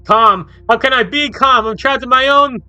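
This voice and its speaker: A man voicing a terrified, angry teenage boy trapped in his own body, yelling in a frantic way. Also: very high voice, rapid-fire, dull audio, faint music behind, voice pushed up. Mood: panicked, angry.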